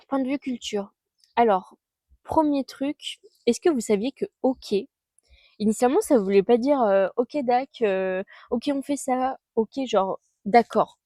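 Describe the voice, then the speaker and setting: A woman's voice: medium pitch, warm tone, no room sound, studio quality. A woman in her twenties recording a casual recap vlog outdoors. She is chatty and scattered, using youthful slang and lots of fillers. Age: 20s. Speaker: vlogger. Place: outdoors under a tree.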